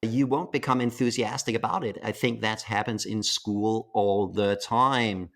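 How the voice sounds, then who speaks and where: A man's voice: lowish voice, fairly even intonation, measured pace, creaky. A man co-hosting a podcast with an American accent, telling stories in a playful, enthusiastic way. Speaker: podcast co-host. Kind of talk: casual podcast chat.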